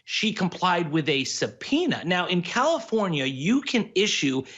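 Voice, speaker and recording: A man giving legal analysis in a television news interview, explaining the case in quick, measured commentary. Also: high voice, very animated, a bit bright, highs cut off.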